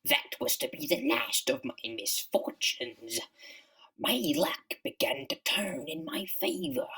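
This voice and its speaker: Creaky, whispering underground supervillain. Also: male voice, very high voice, sharp tone, distant mic, voice pushed up, exaggerated voice, poor audio. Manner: theatrical, slow, menacing monologue. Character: bitter, megalomaniac, half-blind underground villain, the Mole Man. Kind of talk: dramatic comic-book reading.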